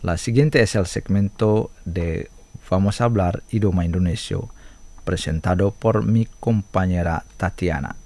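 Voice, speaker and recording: Man, radio announcer, formal announcing, low pitch, warm dark tone. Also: a little slow, a little hiss or hum. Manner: formal announcing, reads out frequency and web address.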